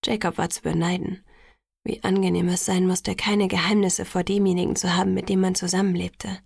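A woman narrating a novel in the first person in a measured audiobook reading, lightly lifting her voice for the characters. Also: fairly low pitch, flat delivery, gravelly, darkish tone, breathy edge, no room sound, studio quality.

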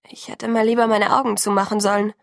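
A woman voicing a shaken, dizzy teenage girl who speaks breathlessly, a little higher than her narration. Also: little pitch movement, fast talker, vocal fry, natural voice. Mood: shaky.

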